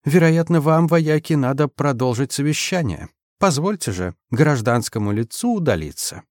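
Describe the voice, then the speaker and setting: A man's voice: medium pitch, expressive, normal speed, darkish tone, no echo, studio quality, pitched above the performer's own voice, close to an everyday voice. A man doing a proud, biting woman president. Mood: cold, biting. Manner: curt, composed, biting. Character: proud, sharp-tongued female president, middle-aged.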